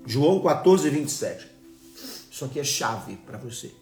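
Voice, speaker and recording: Earnest preacher in an echoey room. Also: male voice, mid-range voice, sing-song, a little mellow, soft background music. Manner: earnest, emphatic, often slowing to stress words. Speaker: preacher hosting a live stream. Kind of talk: live-stream devotional teaching.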